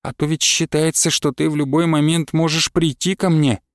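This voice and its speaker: A man's voice: a little high, steady tone, moderate pace, no room sound, studio quality, lightly acted. A man reading aloud and voicing a young village wife who pleads and cries out in anguish. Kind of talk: audiobook character reading.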